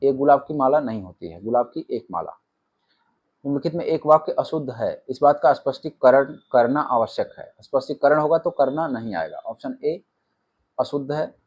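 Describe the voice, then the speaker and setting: A man's voice: medium pitch, normal speed, breathy edge, highs cut off. A man teaching an exam-prep class, reading out multiple-choice options and then stating which one is correct. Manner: reads options, then states the answer flatly. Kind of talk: rapid-fire quiz answer walkthrough.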